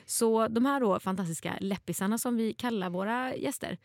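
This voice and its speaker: A woman's voice: on the high side, dry recording, clean studio sound. A middle-aged woman from Småland, co-hosting a podcast in a casual, informal and wordy chatting style. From Småland, Sweden. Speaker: podcast co-host.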